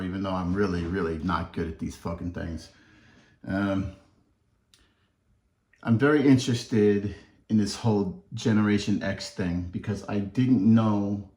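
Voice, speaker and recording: A man's voice: fairly low pitch, darkish tone, reverberant. A man in his fifties doing a rambling, profane reaction commentary, laughing often. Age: 50s. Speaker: reaction video host.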